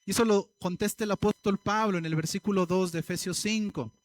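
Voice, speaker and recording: High-voiced preaching pastor. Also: male voice, steady tone, brisk. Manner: preaching with rhetorical questions, addressing the congregation. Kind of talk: sermon.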